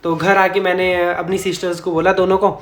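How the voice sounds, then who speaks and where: A man's voice: high-pitched, flat delivery, fairly quick, fairly bright tone. A man vlogger telling a personal story in a chatty, rambling way, correcting himself and chuckling as he goes. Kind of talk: casual storytime narration. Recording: echoey room.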